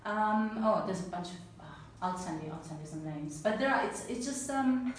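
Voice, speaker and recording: In an echoey event room with a distant mic and faint background noise, a woman with an Italian accent talks personally and earnestly to an audience before fielding questions. Her mid-range voice moves at a normal pace, and she's animated and quick to laugh.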